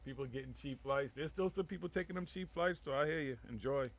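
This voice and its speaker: A man hosting an informal live talk show. He rambles in a blunt, conversational way and peppers everything with heavy swearing. His voice sits at an ordinary middle pitch. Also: quick pace. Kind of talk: casual profane live chat.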